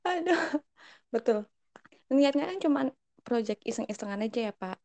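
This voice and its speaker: Seorang perempuan berusia dua puluhan yang mengobrol santai sebagai pembawa podcast, suka menggoda dan sering tertawa. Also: female voice, a little high, expressive, normal speed, a little mellow. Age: 20s. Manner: teasing, laughs often. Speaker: podcast co-host. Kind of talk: casual chat. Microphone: remote call.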